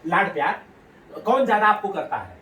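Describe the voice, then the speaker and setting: A man's voice: high-pitched, very animated, normal speed, a bit bright, a little hiss or hum. A man, coaxing and quizzing a child in a playful, laughing way. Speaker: rationalist activist quizzing a child. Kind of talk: casual questioning chat. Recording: roomy sound from a distant mic.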